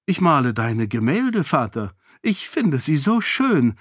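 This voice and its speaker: A man's voice: a little high, level tone, takes it slowly, vocal fry, pushed and bright, clean tone, dry recording, studio quality, pitched above the performer's own voice, exaggerated voice. A man voicing a cheeky young princess who plays innocent with a sweet, raised voice. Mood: feigned innocence.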